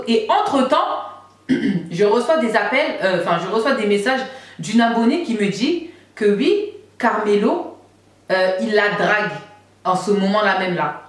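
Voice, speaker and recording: A woman in her thirties telling a personal story in a casual storytime monologue, chatty and full of fillers, acting out what others said. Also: medium pitch. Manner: chatty retelling, acts out quoted dialogue, many fillers. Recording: very echoey room, voice far from the mic.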